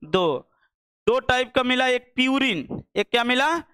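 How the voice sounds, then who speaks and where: A man's voice: very high-pitched, fairly even intonation, normal speed, pushed and bright, clean tone, no echo, studio quality. A young man teaching a biology lesson, asking questions and repeating the answers again and again. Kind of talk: classroom-style biology lesson.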